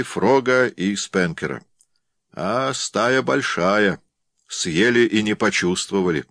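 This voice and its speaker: A man voicing gruff trail-worn Bill. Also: fairly low pitch, a bit bright, dry recording, clean studio sound. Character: gruff male sled traveler Bill, weathered, grim. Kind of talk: audiobook character reading.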